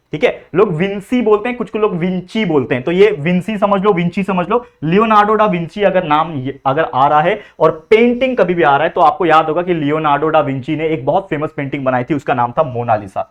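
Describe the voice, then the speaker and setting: A young man tutoring students for an exam in a chatty way, repeating each answer so it sticks. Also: on the high side. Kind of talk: casual exam-prep lesson.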